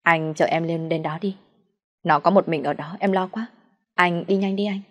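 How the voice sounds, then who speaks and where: A woman voicing a flustered, loyal young female friend who talks fast and apologizes. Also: fairly low pitch, fairly even intonation, fairly bright tone, lightly acted. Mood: hurried. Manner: hurried, apologetic.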